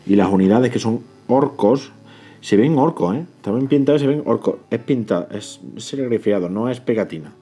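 A man, excitedly unboxing a board game in casual talk, often pleading to himself and chattering to viewers. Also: mid-range voice, moderate pace, breathy edge. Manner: excitable, pleading and self-talking. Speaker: board game channel host. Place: indoors at a table, off camera.

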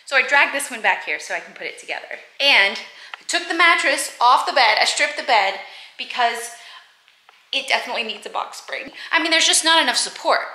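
Chatty young woman vlogger with a bright, forward voice, filming at arm's length. Upbeat talk to camera. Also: sits high, expressive, a little fast, echoey room, poor audio. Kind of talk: casual vlog chat. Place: inside a car, then a showroom and a house under renovation. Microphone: camera held at arm's length.

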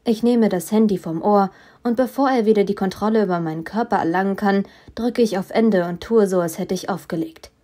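A woman reads a first-person novel aloud as an audiobook. Her tone is mellow and warm, and her storytelling stays steady and measured. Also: medium pitch. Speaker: audiobook reader.

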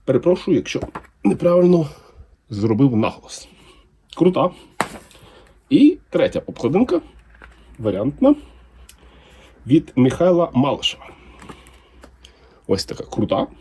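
A man's voice: fairly high pitch, a little hiss or hum. A man talking casually and enthusiastically as he unboxes comics for his channel. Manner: enthusiastic, unhurried, lively intonation.

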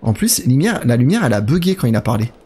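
Male streamer, young adult, mid-pitched, joking and chatty, thanks his chat as he plays. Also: big pitch swings, fast, mellow, a little hiss or hum. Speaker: let's play streamer. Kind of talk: live horror game commentary.

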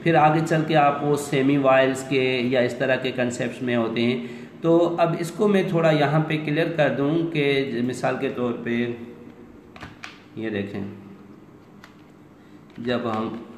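A man's voice: mid-range voice, steady tone. Man teaching, in an echoey room. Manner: explains step by step, asks questions and answers them himself; slows down and stretches out English phrases. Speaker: English language teacher. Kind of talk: online class lecture. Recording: roomy echo with long reverb, faint noise.

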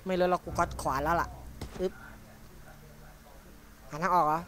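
A man doing let's play commentary on a horror game, jumpy and excitable, swearing often. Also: fairly high pitch, normal speed, slight background noise. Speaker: gamer.

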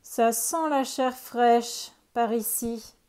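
A woman voicing a huge menacing male ogre who growls loud demands. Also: on the high side, steady tone, extremely slow.

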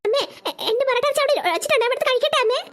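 A woman's voice: extremely high pitch, very fast, fairly bright tone. Woman voicing a wailing little cartoon girl. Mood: pleading. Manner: wailing, pleading. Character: whiny little girl faking a hurt leg. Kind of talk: cartoon voice acting.

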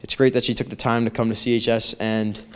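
A man's voice: medium pitch, little pitch movement, fast, a bit bright, smooth. A teenage boy on a school auditorium stage, reading an introduction from a paper into a handheld mic. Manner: reads steadily from a paper. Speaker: student introducing a speaker.

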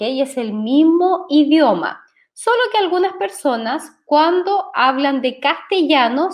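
A woman teaching a Spanish lesson, patient and explanatory, often checking in with her listeners. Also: sits high. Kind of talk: language lesson to camera.

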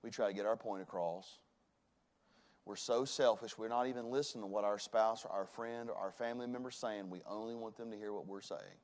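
A man, preaching a sermon in a church. He swings from loud emphasis to hushed tones. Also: lowish voice, steady tone, brisk. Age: 40s. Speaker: pastor. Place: church sanctuary.

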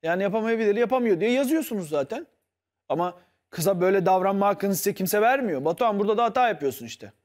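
A man with a high voice that jumps all over the place, arguing hard on a studio panel show. He keeps pressing his point and turns to the viewers to back him up. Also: expressive, fast, darkish tone. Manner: insistent, argumentative, appeals to the viewers. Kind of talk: heated TV panel debate.

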